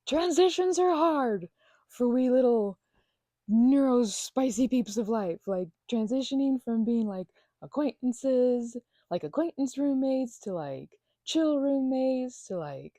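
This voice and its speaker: In an ASMR roleplay, a woman speaks to the listener as their roommate, rambling and hesitant, full of fillers and stammered restarts, sometimes dropping to soft whispers close to the mic. Her high-pitched voice has a lively intonation and a slow pace, with no room sound.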